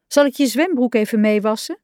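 A woman's voice: fairly high pitch, fairly quick, dark tone, no echo, studio quality, voice pushed up, lightly acted. Busy storybook pig on laundry day, matter-of-fact, played by a woman reading aloud. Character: busy, practical little pig.

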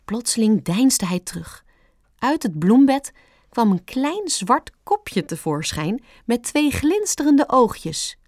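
A woman reading a children's storybook aloud, calm and gentle, with expressive turns. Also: a little high, slow, no room sound, studio quality. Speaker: narrator.

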